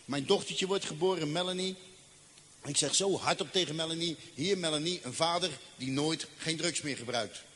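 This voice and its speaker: A man telling a dramatic personal testimony, acting out the dialogue and slowing down for emphasis. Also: fairly high pitch, a bit bright, a little hiss or hum. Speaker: speaker giving a personal testimony. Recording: faint ambience, long reverb.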